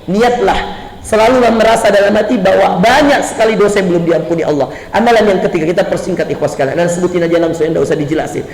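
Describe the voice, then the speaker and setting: A middle-aged man preaching a mosque sermon, fervent, building to emphatic repeated lines and dropping soft when moved. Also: fast talker, a crowd in the background. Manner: fervent, rises to emphatic high repetitions, drops low and soft when moved. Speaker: ustadz, preacher. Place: mosque hall. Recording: echoey mosque hall, faint ambience.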